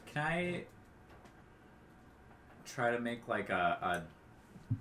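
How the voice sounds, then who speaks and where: A young adult man playing a tabletop game, speaking in a halting, hesitant way. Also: mid-range voice, very animated, fairly bright tone. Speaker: player. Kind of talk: casual chat at a game table. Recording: clear background noise.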